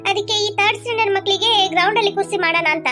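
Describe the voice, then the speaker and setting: A woman voicing a brisk, fussy school principal in a cartoon, giving orders to a teacher. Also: very high-pitched. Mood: instructing. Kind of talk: cartoon voice acting. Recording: light children's music behind.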